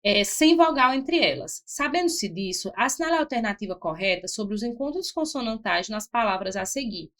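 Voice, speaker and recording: A woman, speaking in a fairly high voice, walks students through exam-prep grammar. She teaches step by step, breaking words into syllables and pausing to ask if everyone is following. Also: lively intonation, fairly bright tone. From Brazil. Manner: didactic, spells out syllables, frequent "ó" and "certo?".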